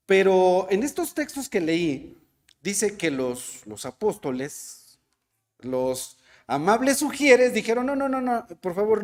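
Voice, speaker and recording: A preacher with a Mexican Spanish accent giving a sermon at a church service, asking the congregation questions and acting out the voices of people in the story. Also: medium pitch. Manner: asks the congregation questions and acts out quoted voices.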